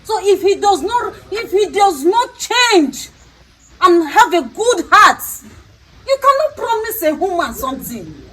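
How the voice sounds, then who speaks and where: A woman's voice: very high-pitched, sing-song, unhurried, fairly bright tone, rough recording. A woman with a Nigerian accent talking in a stern, scolding way, repeating herself for emphasis. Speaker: traditional priestess. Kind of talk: unscripted confrontational talk.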